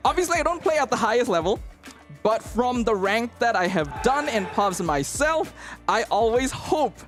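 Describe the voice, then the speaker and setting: A man's voice: very high voice, sing-song, normal speed, music in the background. A man from Malaysia, chatting and analysing on an esports desk in a playful, self-deprecating way.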